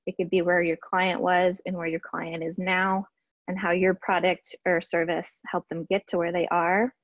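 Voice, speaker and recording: A woman's voice: on the low side, level tone, normal speed, no echo. Woman, marketing workshop presenter, chatty, many fillers, dry close sound, slightly muffled. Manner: chatty, lots of fillers and restarts. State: briefly out of breath. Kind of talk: casual slide-based webinar teaching.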